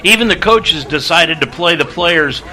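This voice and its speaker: A man calling a college football pregame radio broadcast as play-by-play announcer, briskly reading scores, stats and lists of names. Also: fairly high pitch, animated, sharp tone, low-quality recording.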